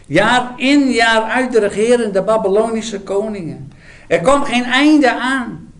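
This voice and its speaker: A preacher voicing a scornful exile who mocks the prophet in a taunting, sarcastic way. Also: male voice, extremely high pitch, slow pace, fairly bright tone, voice pushed up, exaggerated voice. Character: mocking exiled bystander, scornful man.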